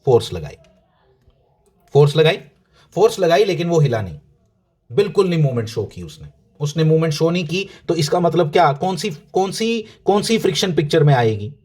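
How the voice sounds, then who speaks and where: A man's voice: a little high, sing-song, normal speed, a little mellow, breathy edge. A male physics teacher explaining a lesson to his students in a casual, direct way, mixing English terms into his speech, repeating key points and asking questions that he answers himself.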